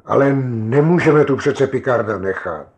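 A man's voice: mid-range voice, expressive, close to an everyday voice. A man voicing a shaken lieutenant who pleads and protests urgently. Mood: urgent, pleading.

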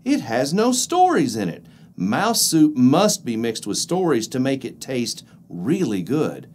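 A man voicing a small clever male mouse in a storybook, speaking high and squeaky. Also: wildly swooping pitch, a little slow, darkish tone. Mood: pleading.

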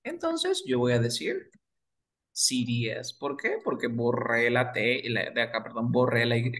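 A man's voice: medium pitch, sing-song, fairly bright tone. A man whose first language is Spanish, teaching English grammar to beginners and repeating words as he quizzes the listener. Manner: repeats words slowly, asks and answers his own questions.

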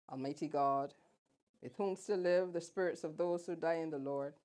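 Low-pitched woman reciting solemn funeral prayers. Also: dark tone. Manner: solemn, measured recitation with pauses. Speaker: officiating minister at a funeral. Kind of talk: liturgical funeral committal prayer.

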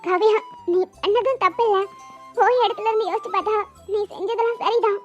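A woman voicing a caring, calm young woman about to marry, who speaks softly and soothingly. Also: very high-pitched, fairly quick. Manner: soft, soothing, concerned. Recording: dull lo-fi audio with music.

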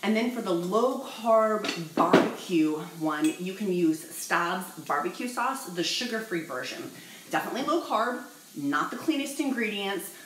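A woman's voice: mid-range voice, a bit bright, reverberant, slight background noise, poor audio. A woman, chatting bubbly and jokey to the camera in a home cooking vlog. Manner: chatty, bubbly, jokey, addresses viewers as y'all. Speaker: vlogger. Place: home dining room.

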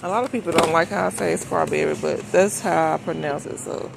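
A woman with a lowish, gravelly voice talks fairly quickly to the camera while walking through a large supermarket, thinking aloud in a folksy, informal vlog style on a shopping trip. A handheld phone behind the camera records her, with noisy store sounds around her.

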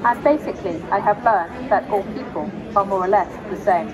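Formal female robot voice at a noisy expo. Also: mid-range voice. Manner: formal, measured phrasing without contractions. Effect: synthetic robot voice. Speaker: interviewee. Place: busy tech expo hall. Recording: loud crowd and music behind.

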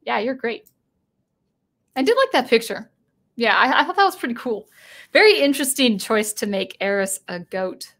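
On a live stream, a tired woman chats casually and reads the chat, rambling through her thoughts with frequent restarts. Her medium-pitched, fairly bright voice keeps interrupting itself, and she chuckles along the way.

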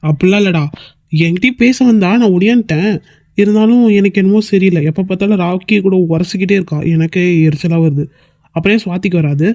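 A blunt, mocking cartoon buddy in a raised, high voice, ribbing his friend without letup. The audio is dull and lo-fi, with a dry, close sound. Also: fast, darkish tone, dry recording. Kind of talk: cartoon skit voice acting.

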